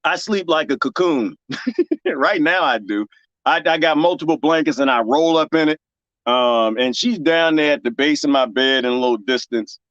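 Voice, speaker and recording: At a normal speed and a fairly high pitch, a Texan man chats casually with his livestream viewers while planting cuttings in his garden. He reads their comments, cracks jokes, laughs often and talks straight to the chat. The recording has no room sound and its highs are cut off.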